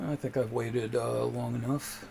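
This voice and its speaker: A man's voice: mid-range voice, flat delivery, unhurried, gravelly, loud music behind the voice. A man hosting a casual livestream from his home computer desk, talking into a desk microphone in a chatty, rambling, self-deprecating way. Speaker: livestream host.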